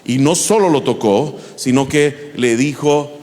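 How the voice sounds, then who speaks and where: A male pastor preaching a sermon in an animated way, often asking the congregation questions. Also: mid-range voice, measured pace. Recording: long hall reverb.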